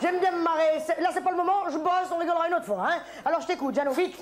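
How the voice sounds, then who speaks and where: A woman comedian performing an exasperated, bossy stand-up sketch on a TV stage, ranting and at times shouting. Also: very high-pitched, fast talker, some chatter behind. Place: TV studio stage with audience. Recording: archive TV stage recording with audience laughter. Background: audience laughter.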